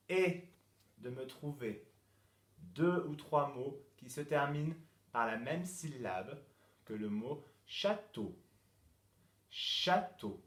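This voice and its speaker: A male teacher records a lesson from home for young children. He speaks slowly and carefully, spelling each step out plainly. His voice sits at an ordinary middle pitch. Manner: slow, clearly articulated explaining, addressing children and parents. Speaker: kindergarten teacher.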